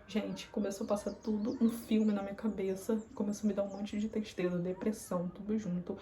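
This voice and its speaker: A woman's voice: medium pitch, little pitch movement, a little fast, warm tone. A young woman vlogger telling a personal story to camera in an earnest, confiding way. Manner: earnest, confiding, acts out remembered dialogue.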